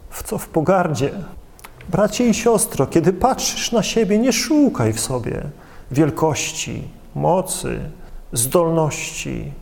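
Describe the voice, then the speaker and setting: A man preaching a sermon with passion and emphasis, using dramatic pauses and addressing his listeners directly. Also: a little high, gravelly, darkish tone. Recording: long reverb of a large hall.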